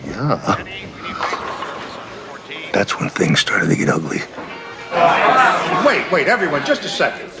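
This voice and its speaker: A man's voice: medium pitch, wildly swooping pitch, slow pace, gravelly, pauses often, over a noisy crowd, heavily acted. Wry, showy man, wildly swinging delivery. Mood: amused. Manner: wry, showy, mock-ceremonious. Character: sardonic, theatrical man narrating dark events with relish. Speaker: storyteller under questioning. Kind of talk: television drama acting. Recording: music behind the voice.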